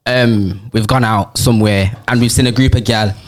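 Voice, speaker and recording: A man's voice: lowish voice, steady tone, moderate pace. A young man with a London roadman accent hosting a casual group chat in slangy street talk. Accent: London roadman, urban slang. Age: young adult. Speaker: host.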